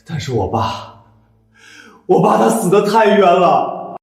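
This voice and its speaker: A man's voice: high-pitched, very animated, slow pace, vocal fry, husky, heavily acted. An actor playing a grief-stricken, determined son seeking justice for his father in a short drama, pleading and tearful. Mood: broken pleading. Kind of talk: emotional short-drama acting.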